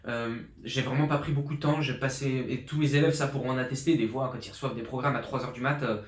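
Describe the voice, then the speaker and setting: This young man, a fitness coach in his twenties, is a fast talker with a medium-pitched voice and fairly even intonation. He rambles through his year in a casual, fired-up vlog full of fillers and restarts, recorded in his reverberant apartment flat on a borrowed pro journalist mic.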